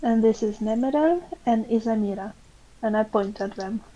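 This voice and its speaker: A woman playing a tabletop game, describing her character's actions in measured phrases. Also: fairly high pitch, mellow. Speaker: player. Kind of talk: casual tabletop game play. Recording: dull lo-fi mic.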